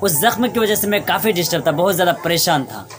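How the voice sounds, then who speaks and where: A young man earnestly recounting a personal memory, reflective, pausing and restarting as he talks. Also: high voice, animated, crowd noise. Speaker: storyteller vlogger. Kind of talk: personal storytelling vlog. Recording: sad background music underneath.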